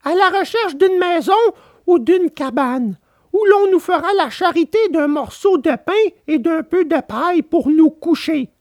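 Woman voicing earnest puppet boy, very high and bright, storybook, dry sound. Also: animated, a little slow, no room sound. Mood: tender. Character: young wooden puppet boy, earnest and polite. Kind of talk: storybook reading.

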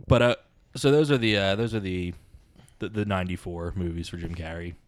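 Low-voiced rambling male podcast host. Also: fairly quick, no room sound. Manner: rambling, laughs often, reads reviews aloud. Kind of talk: casual movie chat.

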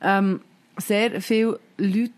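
A woman's voice: mid-range voice, fairly even intonation, takes it slowly. A woman in her thirties with a Swiss German accent in a casual chat, reflective and thinking aloud with many fillers.

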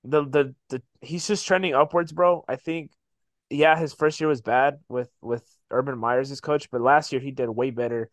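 A man's voice: medium pitch, steady tone, normal speed, no room sound. A man chatting casually about sports as a podcast host, slangy and profane, often saying "bro".

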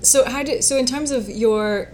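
A woman with a Scottish accent hosting an interview, asking questions in a relaxed, easygoing way with fillers. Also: high-pitched, moderate pace, slight background noise. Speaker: interview host. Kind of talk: casual interview.

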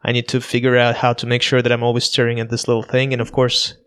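A man's voice: mid-range voice, monotone, fast, a bit bright, smooth. Hesitant young man with Russian accent. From Kazakhstan. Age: 20s. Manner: hesitant, many restarts, self-conscious. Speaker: podcast host. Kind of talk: casual solo podcast monologue. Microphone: laptop.

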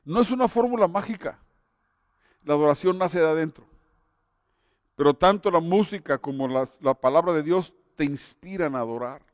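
A man's voice: a little high, moderate pace, no room sound, studio quality, long reverb tail. A man preaching a sermon and telling his own testimony, earnest and exhorting.

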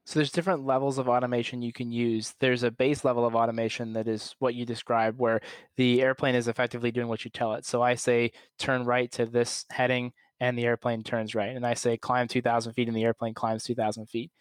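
A young man, an airline pilot, calmly and methodically explaining his work in an interview. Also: mid-range voice, fast, no room sound. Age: young adult. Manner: calm, methodical, plain explaining. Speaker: commercial airline pilot, podcast guest.

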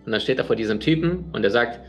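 Male storyteller, coach type, gravelly mid-range voice, animated anecdote delivery with faint music underneath. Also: mid-range voice, quick pace. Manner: lively storyteller who acts out the people he quotes.

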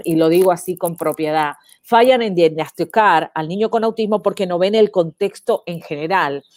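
A woman's voice: lowish voice, a little mellow, dry recording, clean studio sound. A woman, teaching parents in an informal way, explaining with many examples and rhetorical questions. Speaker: educator on child speech disorders.

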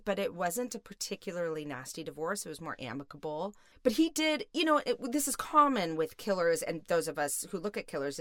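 A middle-aged woman explains her field as an interview guest. Her voice is on the low side and moves with very animated intonation, recorded close and dry. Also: no echo. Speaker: guest expert, criminal psychologist.

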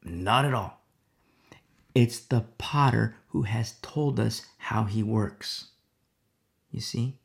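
Working through a Bible passage verse by verse, this teacher speaks slowly in a lowish, gravelly, fry-tinged voice, leaving long pauses. His style is rhetorical, full of repeated "you see?" questions to the audience, and at times he sinks into soft, hushed asides.

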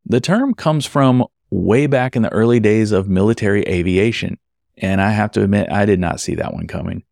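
A man tells a personal story from his work as an event photographer, speaking conversationally and tossing wry asides to the listener. His voice sits low with a gravelly edge. The recording is dry and close. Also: moderate pace, darkish tone, no echo. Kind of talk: storytelling narration.

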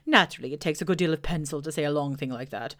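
A woman voicing a self-important old male owl who talks loudly and fussily. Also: deep voice, very fast. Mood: pompous. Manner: loud, fussy and self-important.

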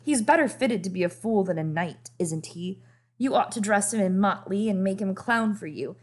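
A woman's voice: medium pitch, lively intonation, moderate pace, natural voice. A woman voicing a frightened young noblewoman who pleads desperately. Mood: flattering. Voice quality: pleading, breathless.

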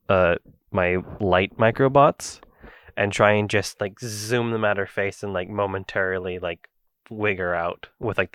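A man at a tabletop game talks through his plans aloud, rambling and filling gaps as he goes. His voice sits low, and it is recorded close and dry. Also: a bit bright, clean tone, no echo. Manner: rambling, thinks aloud with many fillers. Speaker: player. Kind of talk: casual tabletop game chat.

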